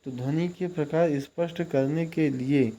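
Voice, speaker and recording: A man's voice: on the high side, a little slow, mellow, muffled recording, slight background noise. A man teaching exam-prep grammar, explaining step by step and checking in often with his listeners.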